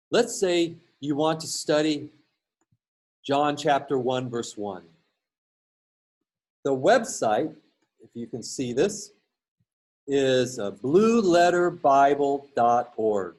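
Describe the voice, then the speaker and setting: Brief: male teacher, fairly high voice, slow and patient screen-share lecture, lots of ums and restarts. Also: darkish tone. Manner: unhurried, explanatory, with many fillers and restarts. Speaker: instructor.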